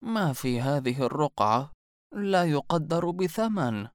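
A man voicing a mysterious old woman hermit, slow and scornful, in a storybook reading. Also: low voice, animated, no echo, clean studio sound, pitched above the performer's own voice. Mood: ominous. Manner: slow, mocking, ominous delivery.

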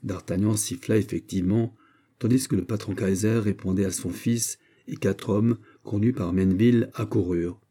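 Male narrator for a classic audiobook, low, husky, steady. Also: normal speed. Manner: steady, storytelling. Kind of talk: scripted narration.

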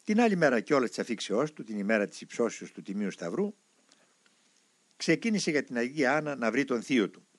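A man reading a biography aloud as scripted narration, in a measured and expressive way. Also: mid-range voice, no echo.

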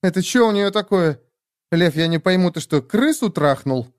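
A man's voice: high-pitched, lively intonation, no echo, clean studio sound, pitched above the performer's own voice. A man voicing a brash, nervous young woman who turns crude and angry, in a read-aloud story. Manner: mocking, crude, quick to anger.

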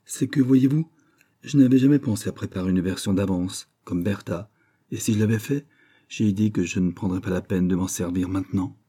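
A man's voice: fairly low pitch, normal speed, dark tone, breathy edge. A male reader voicing Lily Bart, a proud young society woman who speaks with mocking defiance.

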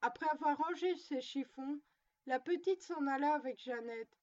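A woman reading a children's story aloud in a gentle storytelling manner. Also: high-pitched, normal speed. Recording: dull, lo-fi recording.

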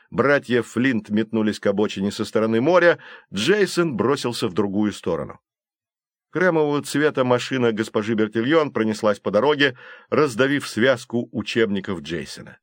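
A man narrating an audiobook in a steady, expressive reading. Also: medium pitch, normal speed, no echo, clean studio sound. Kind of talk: scripted narration.

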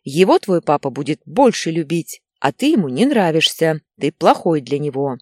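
A woman's voice: low voice, big pitch swings, fairly quick, darkish tone, husky, no room sound, clean studio sound, exaggerated voice. A woman voicing a desperate young mother who screams shrilly and tearfully. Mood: hysterical.

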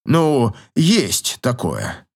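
A man voicing a gruff, teasing old professor in an audiobook, grumbling and chuckling in a slow drawl. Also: mid-range voice, wildly swooping pitch, darkish tone, exaggerated voice. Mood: wry. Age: older.

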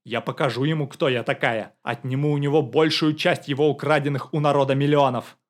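A man's voice: medium pitch, normal speed, lightly acted. A man reading an audiobook, voicing a furious, bitter middle-aged woman who shrieks her complaints. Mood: indignant. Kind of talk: audiobook character voice.

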